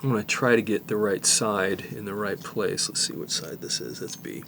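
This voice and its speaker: With a noisy background behind him, a middle-aged man speaks in a low, creaky voice at a moderate pace. He's demonstrating a cassette repair in his workshop, relaxed and thinking aloud, with restarts and asides.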